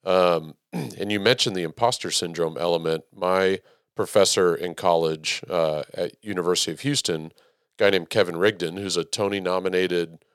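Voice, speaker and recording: A man hosting a casual interview, talking in a measured, even way that he calls monotone himself. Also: sits low, clean tone, dry recording, clean studio sound. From Texas. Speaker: podcast host, theater educator.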